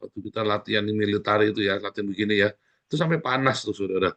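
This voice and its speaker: A man preaching a sermon as pastor, speaking in an animated way with sudden loud exclamations. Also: on the low side, quick pace, muffled recording.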